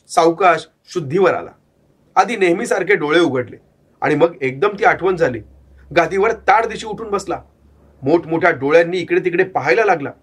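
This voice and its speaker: A man narrating a first-person horror story in a calm, measured way, voicing the quoted lines of the people in it. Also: on the high side, breathy edge.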